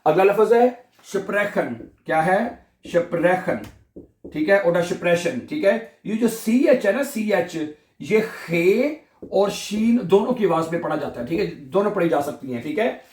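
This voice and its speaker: A man with a slightly raised voice teaches a casual online language lesson. He is chatty and repetitive, often pausing to check that listeners follow. The sound is roomy and echoey. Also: high-pitched, animated, a little mellow. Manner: chatty, repeats "theek hai" often, checks understanding.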